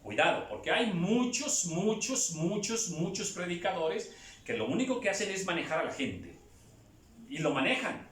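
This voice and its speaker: A man preaching a sermon, moving between hushed and loud passages and acting out other voices. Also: high-pitched, big pitch swings, moderate pace, reverberant. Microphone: camera at a distance.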